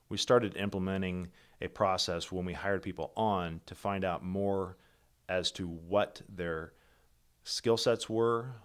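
Presenting his prepared keynote alongside slides, the middle-aged founder of a company speaks in a low-sitting voice. His manner stays businesslike, steady and methodical, apart from the odd slip and restart.

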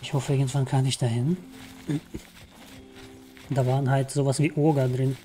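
A man commenting live on his video game, chatty and excitable, often exclaiming. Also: medium pitch, normal speed. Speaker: let's play gamer. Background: game music.

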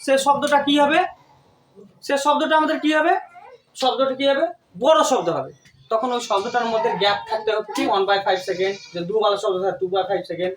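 A woman's voice: fairly high pitch, a little fast. A woman tutor teaching a classroom lesson, explaining step by step and often asking her students questions. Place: tuition classroom. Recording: echoey room, distant mic, faint noise.

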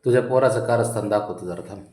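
A man's voice: lowish voice, fast, a little mellow, reverberant. A man at home talking to his pet in a doting, coaxing baby-talk manner in a casual home video. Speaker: pet owner.

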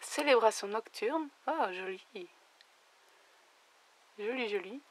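A young woman, slightly hoarse from a recent illness, chatting casually as she opens trading cards and exclaims over the ones she likes. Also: fairly high pitch, lively intonation, slow. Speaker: YouTuber opening trading cards. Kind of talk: casual card-opening commentary.

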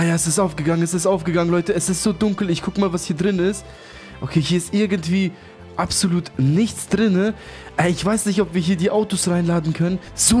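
Excitable young gaming commentator. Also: male voice, high voice. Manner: excitable, repeats exclamations. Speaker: gaming YouTuber. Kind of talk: role-play game commentary.

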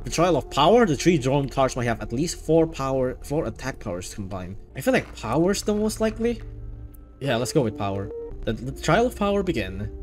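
A man playing a video game, reading its text aloud and reacting excitably as he plays. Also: medium pitch, moderate pace, faint music behind. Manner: excitable, bursts into laughter and exclamations. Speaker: gaming YouTuber.

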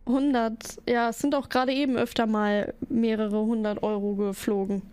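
A woman's voice: a little high, flat delivery, normal speed, darkish tone, a little hiss or hum. A young woman streamer chatting casually, flustered and giggly as she thanks her viewers. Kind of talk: casual live stream chat.

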